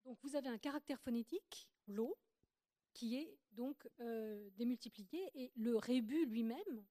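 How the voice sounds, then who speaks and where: A woman giving an academic lecture, explaining slides carefully and pausing often to rephrase as she speaks. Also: fairly high pitch, mellow, dry recording, studio quality. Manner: careful, explanatory, with frequent hesitations and restarts.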